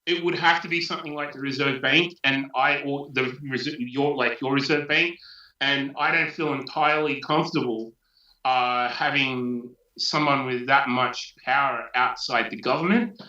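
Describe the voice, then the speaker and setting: A man's voice: medium pitch, fairly even intonation, moderate pace, sharp tone. An Australian man, a guest in a casual debate, talking over a remote call with a dry, sarcastic streak. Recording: dull roomy audio from far off.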